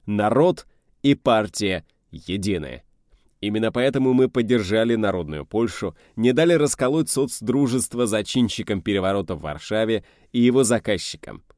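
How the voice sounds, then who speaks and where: A man playing a calm Soviet leader speaking. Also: fairly low pitch, no echo, clean studio sound, lightly acted. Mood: steady. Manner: measured, speechmaking. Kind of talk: audiobook reading.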